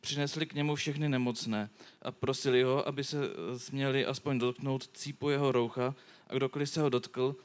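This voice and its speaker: A man's voice: mid-range voice, fairly even intonation, hardly any pauses. Hesitant young man reading scripture. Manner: hesitant, many fillers and self-corrections. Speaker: youth speaker sharing a Bible verse. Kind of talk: informal Bible reading and reflection.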